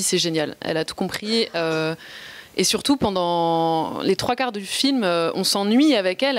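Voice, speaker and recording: A woman's voice: on the low side, no echo. A woman filmmaker talking to an audience at a live event in a shop, hesitant and apologetic, with many fillers and restarts. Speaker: filmmaker guest at a public talk. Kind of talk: casual public talk to an audience.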